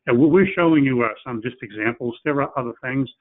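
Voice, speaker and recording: A man's voice: medium pitch, quick pace. A man presenting in a webinar, talking in a plain, practical way and often restarting his phrases. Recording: phone-like webinar audio.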